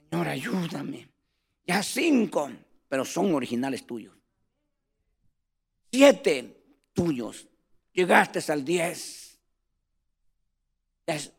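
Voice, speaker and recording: Male preacher, sermon, high voice, gravelly, animated storytelling, calls listeners brothers.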